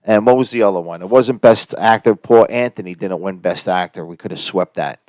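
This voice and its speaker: A man's voice: on the low side, a little fast, darkish tone, no room sound. A man with a New Jersey Italian-American accent, co-hosting a casual live stream and rambling with many fillers and restarts. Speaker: co-host and actor.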